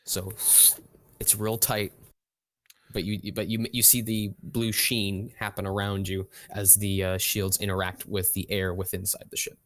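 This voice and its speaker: A man narrating a tabletop role-playing game as game master, talking casually and haltingly. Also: fairly low pitch, flat delivery, fairly bright tone, no echo, studio quality.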